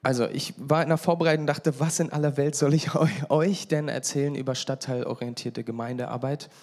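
A man's voice: medium pitch, steady tone, a little fast, darkish tone. A pastor in his thirties from England giving a conversational sermon, joking with the congregation now and then. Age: 30s.

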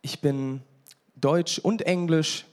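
Guy in his 30s preaching, fairly high voice, chatty, cracks little jokes. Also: slow pace, smooth. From England. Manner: conversational and chatty, joking with the congregation. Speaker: pastor. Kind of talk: sermon.

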